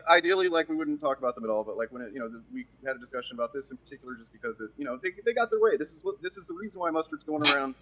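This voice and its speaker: A man talking on a stream clip, rambling and halting as he explains himself. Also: a little high, expressive, a bit bright, slight background noise, rough recording. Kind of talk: casual stream chat.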